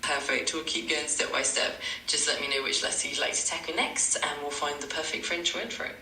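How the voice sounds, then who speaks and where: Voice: medium pitch, fairly even intonation, a little fast, sharp tone, echoey room, distant mic, soft background music, poor audio. A synthetic AI language tutor voice, polite and eager to please, repeating stock phrases. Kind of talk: chatbot tutoring replies.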